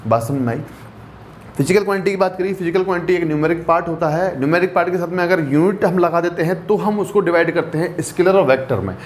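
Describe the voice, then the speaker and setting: A man's voice: sits high, fast talker, a little hiss or hum. A male maths teacher giving a classroom lecture, mixing in English terms and checking in often with rhetorical questions. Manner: mixes English terms into explanations.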